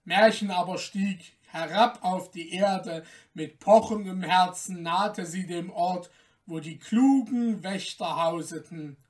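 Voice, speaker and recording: A man reads a fairy tale aloud in a calm, gentle storytelling voice. His voice sits high for a man and he takes his time. The microphone is a little distant. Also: slow pace. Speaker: storyteller, podcast host.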